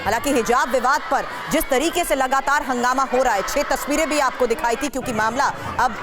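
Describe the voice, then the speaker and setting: A woman reading news as anchor in a crisp, formal delivery. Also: high voice, brisk, a crowd in the background, noisy background.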